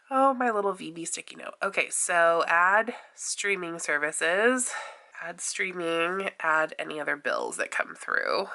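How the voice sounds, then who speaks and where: A woman's voice: fairly low pitch, bright, forceful tone. A woman vlogging casually about her budget planner, chatty and rambling, her voice stuffy and nasal from a cold. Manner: rambling, says 'like' a lot, laughs easily.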